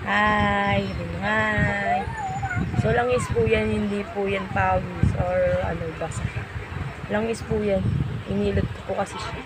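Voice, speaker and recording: A woman with a Filipino accent, a mother chatting casually and haltingly to her vlog viewers in a confiding way. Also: medium pitch, fairly even intonation. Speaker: vlogger and mother. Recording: noisy phone video with loud ambient noise.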